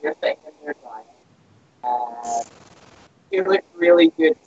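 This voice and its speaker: A man's voice: on the high side, wildly swooping pitch, a little slow, vocal fry, a little mellow, husky, lo-fi sound. A man mumbling in casual group chat, sitting far from his mic, which keeps cutting out and makes his volume rise and fall. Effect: mic cutting out, uneven volume.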